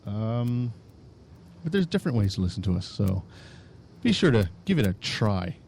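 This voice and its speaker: A man's voice: on the low side, very animated, normal speed, vocal fry, darkish tone, a little hiss or hum. A man co-hosting a podcast, chatting in a rambling, laid-back, joking way. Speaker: podcast co-host. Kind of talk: casual chat.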